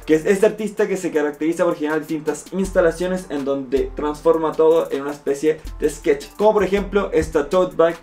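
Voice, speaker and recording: A man's voice: a little high, a little mellow. A young man from Chile, an upbeat, enthusiastic streetwear vlogger who talks in slang while unboxing his purchases at a table in a small room. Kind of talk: casual unboxing vlog.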